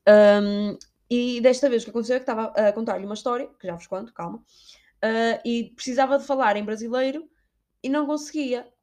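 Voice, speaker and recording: Chatty young Portuguese woman, higher voice. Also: fairly even intonation, fairly quick, darkish tone. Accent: European Portuguese. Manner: chatty and digressive, slips Spanish words into her talk. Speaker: vlogger. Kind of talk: casual storytelling to viewers.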